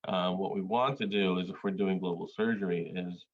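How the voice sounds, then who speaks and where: Speaking at an academic panel, a surgeon who hails from Bangladesh proceeds slowly and hesitantly, with frequent fillers. His voice sits low with fairly even intonation, and the sound quality is lo-fi.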